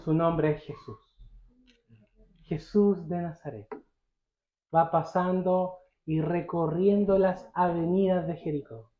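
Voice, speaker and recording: A man's voice: high-pitched, echoey room, muffled recording. A male pastor preaching a sermon, telling the story vividly and asking the congregation questions.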